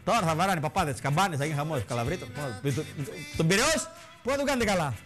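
Guy hosting a tv show, high voice jumping all over, mocking and theatrical. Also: sing-song, soft background music. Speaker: TV show host. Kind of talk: satirical political commentary.

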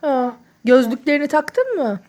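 Mom chatting w her toddler, highish voice that goes up and down loads, encouraging and sing-songy. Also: sing-song, moderate pace, darkish tone. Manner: sing-song, encouraging, asks short simple questions. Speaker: mother talking with her toddler. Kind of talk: playful casual chat with a small child.

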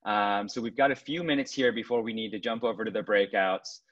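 A man's voice: on the low side, steady tone, fairly quick, fairly bright tone. A man in his thirties moderating a video call panel and reading audience questions, upbeat. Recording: muffled webcam audio.

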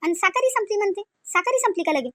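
A woman voices a domineering, miserly rural mother-in-law in a cartoon comedy, scolding in a Varhadi Marathi accent from Vidarbha. Her very high voice is expressive, quick and fairly bright, nagging and sarcastic with plenty of rhetorical questions, recorded in studio quality with no room sound.

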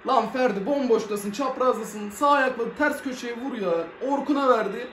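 Excitable high-voiced man reacting to a match. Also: normal speed, slight background noise. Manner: excitable, swings between shouting and grumbling, casual slang. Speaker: football fan reacting to a match. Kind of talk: live match reaction commentary. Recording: echoey room.

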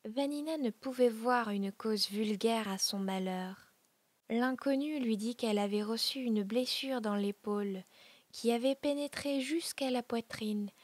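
A woman narrating a classic novel in a soft, breathy ASMR audiobook reading. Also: on the high side, no echo. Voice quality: breathy, whispery.

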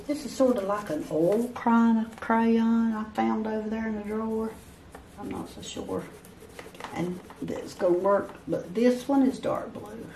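A woman's medium-pitched, darkish voice comes through with a little hiss or hum. Working indoors at a table over a paper pattern, she teaches a barn quilt design one step at a time, counting blocks out loud with patience.

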